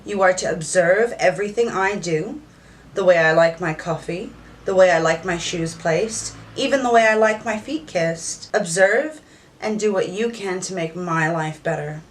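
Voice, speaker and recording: A woman speaking to the viewer as a dominatrix in a scripted monologue, commanding, stern and scornful, sometimes slowing down to stress each word. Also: fairly low pitch, slight background noise. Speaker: dominatrix content creator.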